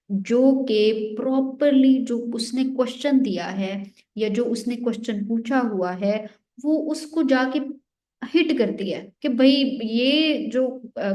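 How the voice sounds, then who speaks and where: In an exam-prep lecture about essay writing, a young female teacher walks through the material step by step, frequently asking questions she then answers herself. Her voice is a bit high and a bit mellow.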